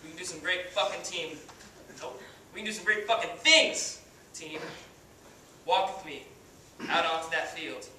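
A man's voice: a little high, bright, forceful tone. Young man acting cocky ballplayer's echoey pep speech. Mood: rousing. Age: young adult. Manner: declamatory, swaggering, deliberate pauses. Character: cocky, foul-mouthed male baseball star rallying his team. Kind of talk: halftime pep speech, audition monologue. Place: indoor hall, stage area, far camera. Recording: distant, very echoey room, faint noise.

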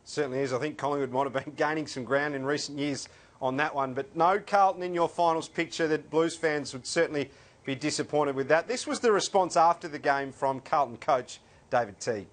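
A man with an Australian accent hosting a football show, brisk and lightly joking. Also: a little high. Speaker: sports show host. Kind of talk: casual sports chat.

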